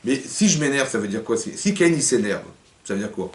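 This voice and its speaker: A man teaching a lively interactive class as a rabbi, acting out little scenes and putting questions to his listeners. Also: medium pitch, a little fast. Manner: animated, acts out little scenes, questions the audience. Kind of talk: lively interactive Torah lesson. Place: community hall. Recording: echoey room, mic at a distance.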